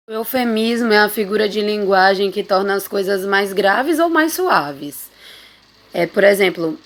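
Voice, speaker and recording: Lady teacher going through a lesson, reads examples out loud, keeps asking "right?" along the way. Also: on the high side. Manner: explanatory, reads out examples, often asks "né?". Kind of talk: explaining figures of speech in a lesson.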